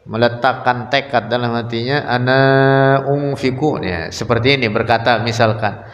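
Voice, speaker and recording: A man's voice: medium pitch, fairly even intonation, moderate pace, a bit bright. A man giving a religious study lecture. He reads Arabic text, translates it phrase by phrase and adds joking, colloquial asides to his students. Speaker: Islamic religious teacher. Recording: echoey hall with long reverb.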